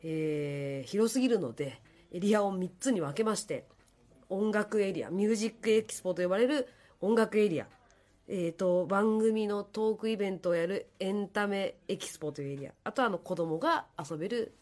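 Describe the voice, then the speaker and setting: A woman with a hoarse voice, politely explaining an event on the radio as a producer and guest. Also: medium pitch, normal speed, darkish tone. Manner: apologetic, polite. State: hoarse from drinking.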